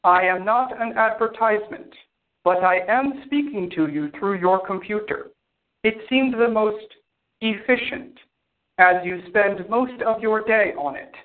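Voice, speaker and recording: A man's voice: high-pitched, measured pace. A man voicing a cold, formal male artificial intelligence that speaks precisely and without emotion. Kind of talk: audio drama acting. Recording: tinny phone-like sound.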